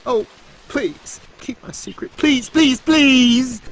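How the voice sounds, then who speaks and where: A man's voice: very high voice, slow, soft background music, heavily acted. An actor playing an eager, giddy young man in a video game, who gushes breathlessly over the hero. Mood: pleading. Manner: breathless, overexcited.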